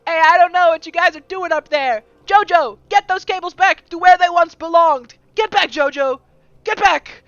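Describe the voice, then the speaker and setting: A woman voicing an angry male theater boss in a tabletop game, shouting orders at his crew. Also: extremely high pitch, normal speed, no room sound, lo-fi sound, voice pushed up. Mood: angry, bellowing. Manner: shouting, commanding.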